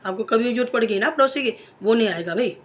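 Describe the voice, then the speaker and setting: In a relaxed monologue to camera, a woman vlogger airs her views at a fast clip in a fairly high voice. She leans on emphasis and repetition, poses rhetorical questions, and shares anecdotes about herself.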